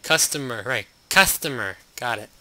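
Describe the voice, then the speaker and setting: A young man hosting a game playthrough, reading on-screen text aloud with sarcastic, deadpan asides. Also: medium pitch, normal speed, dry recording, low-quality recording. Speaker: let's play host.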